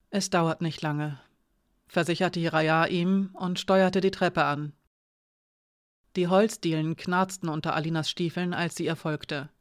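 Narrator reading a novel, even and steady, very dry sound. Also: mid-range voice, no echo. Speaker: audiobook narrator. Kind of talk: scripted narration.

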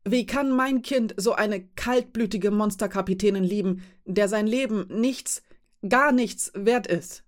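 A woman reading an audiobook voices a desperate, furious mother who shouts and pleads in a high, strained voice. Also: animated, moderate pace, hardly any pauses, natural voice. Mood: desperate, shouting. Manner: shouting, wavering between demand and pleading. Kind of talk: audiobook character voice.

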